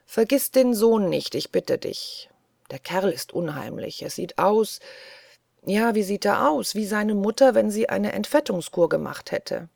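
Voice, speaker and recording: A woman reading the lines of an old, fussy British colonel in an audiobook, earnest and softly pleading. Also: mid-range voice, lively intonation, unhurried, gravelly, no echo, clean studio sound, exaggerated voice. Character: elderly male British colonel, gentle, fussy.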